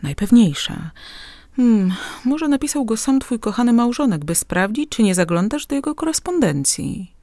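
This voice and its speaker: A woman reading the part of a worldly, ironic middle-aged uncle in an audiobook, speaking in a smooth, patronizing, conspiratorial way. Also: on the high side, big pitch swings, moderate pace, mellow, dry recording, studio quality, voice pushed up.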